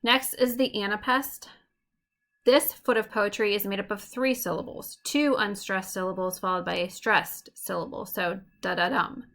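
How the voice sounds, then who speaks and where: A woman teacher giving a recorded lesson, explaining clearly and slowing down to tap out rhythms. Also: medium pitch, fairly even intonation, fairly bright tone.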